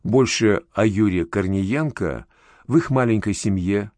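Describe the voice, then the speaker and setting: A man narrating a dramatic story in an expressive reading. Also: fairly low pitch, a little slow, no room sound.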